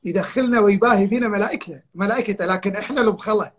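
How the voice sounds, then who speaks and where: A man's voice: high voice, racing, slightly rough. An older man, a guest on a live online talk, telling stories emphatically and repeating his key points over a video call. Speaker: guest counselor.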